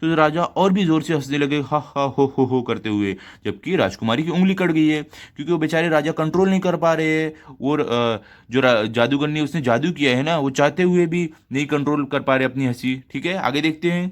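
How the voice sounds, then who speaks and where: A man, teaching children. He reads story lines slowly and explains each word in Hindi. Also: a little high. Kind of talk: lesson explaining an English text in Hindi.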